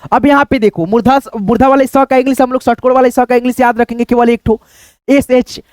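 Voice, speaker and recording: A man giving a spoken English lesson, repeating letter sounds slowly and asking his viewers questions. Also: very high voice, no room sound. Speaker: English teacher.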